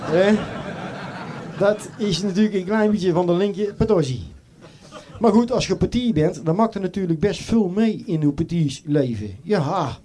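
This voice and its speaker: A man's voice: sits high, lively intonation, measured pace, mellow. A middle-aged man with a Brabant accent doing a carnival stand-up act in character as a doorman, chatty and joking with lots of fillers. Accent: Brabant Dutch. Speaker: carnival comedian.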